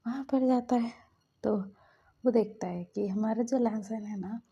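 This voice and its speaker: A woman retelling a romance fan story in a chatty, often half-whispered way, with a husky, breathy voice. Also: on the high side, a little slow, mellow.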